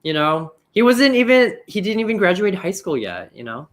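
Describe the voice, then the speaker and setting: A man's voice: high voice, very animated, a bit bright. Sassy drag queen co-host. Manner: sassy, quick quips. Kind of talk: casual chat on a live show.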